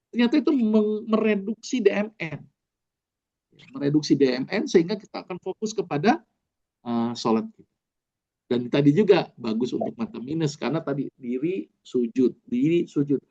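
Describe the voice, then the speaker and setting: Dark-voiced man explaining, lo-fi audio. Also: high voice. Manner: explanatory, conversational, frequent fillers. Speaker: doctor lecturing. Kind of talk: casual online lecture.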